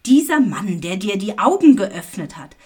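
A woman voicing stern male religious leaders who question a healed man, in a slow Bible reading. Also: medium pitch, big pitch swings, a little mellow, husky, voice pushed down.

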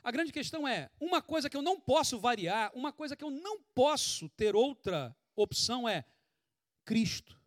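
Sweating as he speaks, a Brazilian pastor delivers his sermon in a lively, conversational style, peppering it with rhetorical questions. He talks at a normal speed in a voice that's high for a man. The close, dry recording captures no room sound.

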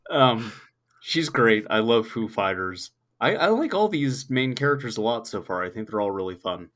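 A man at an ordinary middle pitch whose voice cracks slightly from being sick. He rambles loosely through a casual podcast chat, joking and swearing now and then. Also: sing-song, normal speed, fairly bright tone. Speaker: podcast co-host. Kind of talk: casual chat recapping an anime episode.

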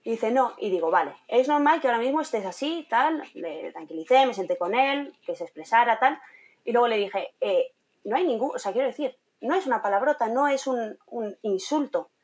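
With a slightly high voice and a slightly quick pace, a young woman guest tells a lively story in an informal interview. She creates content, is training as a teacher, and laughs frequently while voicing the characters she quotes.

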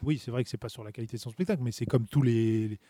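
A man's voice: mid-range voice, a crowd in the background. A man co-hosting in casual banter, joking and arguing back at the host. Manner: quick, joking, argumentative.

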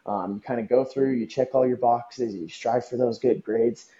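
A young man from Southern California speaks earnestly as a podcast guest, pausing on ums as he reflects. His voice is very dark and mellow. The recording sounds dull and lo-fi. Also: medium pitch, fairly even intonation. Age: young adult. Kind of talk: podcast interview. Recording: dull lo-fi audio.

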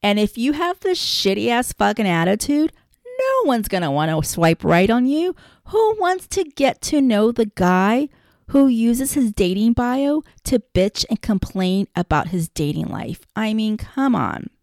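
A woman's voice: a little high, big pitch swings, measured pace, a little mellow, no echo, studio quality. Blunt, profane woman podcast host. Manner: direct address to listeners. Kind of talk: casual advice podcast.

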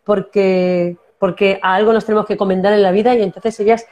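Here a Spanish actress from La Mancha talks fairly quickly, her medium-pitched voice steady and a little mellow. Appearing as a guest in an easygoing interview, she tells stories with a regional accent, restarting often and using plenty of fillers.

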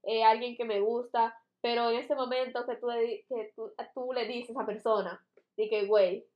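Lively young woman in roomy echo. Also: fairly high pitch, moderate pace, dull audio. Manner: animated, laughs while acting out quotes. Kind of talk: casual chat.

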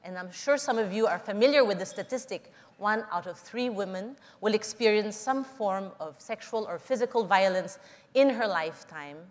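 A middle-aged woman from the Philippines giving an earnest, measured public talk, telling personal stories to an audience. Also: medium pitch, animated, big-room sound. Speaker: conference speaker.

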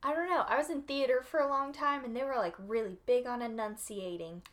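A woman's voice: on the high side, brisk, a bit bright. A woman co-hosting a podcast, chatting casually, laughing often and using many fillers. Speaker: podcast co-host. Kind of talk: casual chat.

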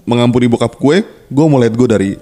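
A man co-hosts a podcast, talking briskly in a dark, mid-range voice over soft background music. He chats personally with listeners in casual slang, earnest and frank, and often restarts his words.

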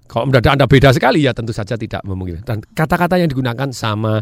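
A man's voice: medium pitch, animated, very fast, no echo, clean studio sound. A man, a sales trainer guest, talking energetically with frequent laughs and English phrases. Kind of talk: enthusiastic talk-show chat.

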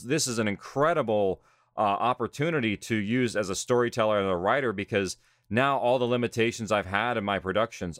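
A man who writes, directs and creates audio drama talks about his own work in a documentary interview. His voice is lowish, and the studio-quality recording has no echo.

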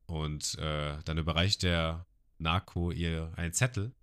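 A man's voice: rumbling low, fairly even intonation, measured pace, fairly bright tone, clean tone. A man co-hosting a casual podcast, retelling an anime episode scene by scene and acting out the lines. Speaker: podcast co-host.

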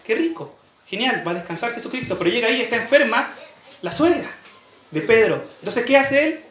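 A pastor preaching a sermon, telling a story and asking the congregation rhetorical questions. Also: male voice, extremely high pitch, expressive, fairly quick, a bit bright, reverberant.

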